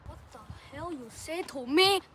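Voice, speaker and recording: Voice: high-pitched, a little slow. A performer voicing an angry, strict dad who scolds and insults his young son in a comedy skit. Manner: scolding, sarcastic, blunt insults. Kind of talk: comedy skit role-play. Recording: distant mic, loud noise.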